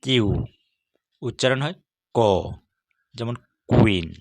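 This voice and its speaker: A man giving a steady, measured lesson as an English teacher, walking through letters one by one. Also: medium pitch, no room sound. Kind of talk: scripted lesson on English consonant sounds.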